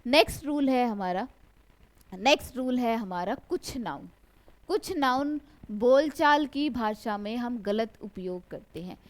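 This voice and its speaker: A woman giving a grammar lesson in a classroom style. She asks a question, answers it herself, and slowly draws out the example words. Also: a little high, lively intonation. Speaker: English grammar teacher. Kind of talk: classroom lecture.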